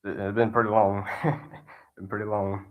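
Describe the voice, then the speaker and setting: A man's voice: fairly low pitch, flat delivery, moderate pace, phone-quality sound. Young man, alabama accent, folksy graduation speech, says y'all. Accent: Alabama Southern US. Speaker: student graduation speaker. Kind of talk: ceremony speech with jokes. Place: ceremony hall.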